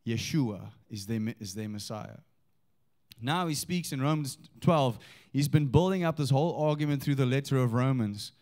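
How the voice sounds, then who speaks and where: A man preaching a sermon in a church. He reads scripture slowly and with weight and asks the congregation questions. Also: medium pitch, expressive, darkish tone. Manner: emphatic, engaging the congregation with questions.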